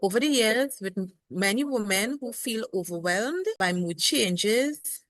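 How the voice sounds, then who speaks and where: A nurse who hosts a health podcast formally introduces her guest and poses broad questions. She has an expressive mid-range voice and speaks unhurriedly, and the recording is dry.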